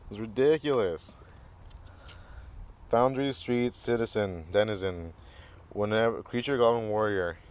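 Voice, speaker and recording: A man's voice: on the low side, measured pace, long pauses, a little mellow, smooth. A man hosting a casual card game review, reading card text aloud and cracking goofy jokes. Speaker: card game channel host.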